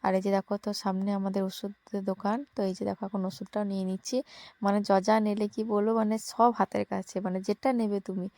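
A woman's voice: medium pitch, flat delivery, quick pace, dark tone. A young woman from Bengal narrating a casual daily vlog, chatting to her viewers as friends with many fillers. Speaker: vlogger.

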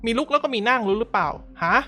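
A man acting out a loud, belligerent drunk from a game story, slurring and looking for trouble. The voice sits higher and pushier than the narrator's own. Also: animated, very fast, soft background music, full character voice. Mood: taunting. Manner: slurred, shouting, picking fights. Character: rowdy drunk male office customer, belligerent.

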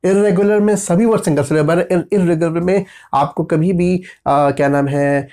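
A man's voice: on the high side, steady tone, moderate pace, warm tone. A man with teaching a grammar lesson, patiently spelling out letters and checking in often with his listeners. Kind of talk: explanatory lesson.

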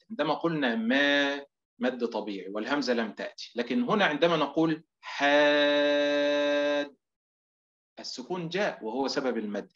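In an online lesson, a middle-aged male recitation teacher walks through each point step by step, slowly stretching out example words to demonstrate them. His medium-pitched voice has a fairly bright tone, though the audio sounds dull and muffled, like a lo-fi call.

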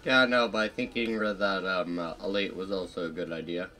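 A man's voice: deep voice, steady tone, quick pace, sharp tone. A man playing a co-op game, answering in brief, matter-of-fact replies. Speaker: co-op player. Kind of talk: casual gameplay chat.

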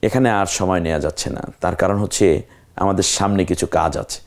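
A man teaching Quran letters on a television lesson, slowly repeating sounds for viewers to say after him. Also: low-pitched, fairly even intonation, creaky. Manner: slow, patient, repeats letters for viewers to echo.

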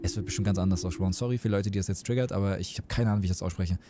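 A man's voice: sits low, steady tone, racing, noisy background. A man casually commenting as he plays a game live, chatty and wondering aloud. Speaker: streamer. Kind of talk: casual let's play commentary.

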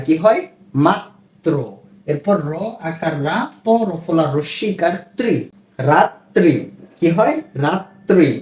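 High-voiced man teaching letters slowly. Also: darkish tone. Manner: slow, repetitive drilling with rhetorical questions. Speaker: Bengali language teacher. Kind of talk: classroom lesson, spelling out words. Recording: roomy echo.

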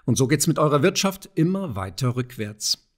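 A man's voice: mid-range voice, sing-song, normal speed, close to an everyday voice. A man doing a mild old widow. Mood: gentle. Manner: soft, mild, secretive. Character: poor frail old widow, gentle and mild.

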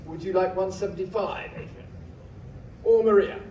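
At a podium in a large, crowded auction hall, a high-voiced man keeps a measured, rhythmic bid-calling pace. The phone recording from the audience is distant and echoey, its highs cut off, with room ambience and slight background noise.

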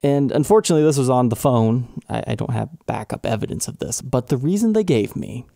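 A man hosting a guitar show, telling a personal story in an animated, exasperated way. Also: mid-range voice, fairly quick, vocal fry, dry recording. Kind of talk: storytelling vlog.

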